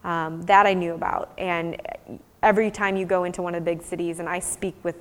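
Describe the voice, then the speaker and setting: An American woman researcher presents her fieldwork in an academic talk and answers audience questions informally, explaining things thoughtfully. Her voice is on the low side and a bit bright, with a flat, fairly quick delivery. A long hall reverb colors the recording.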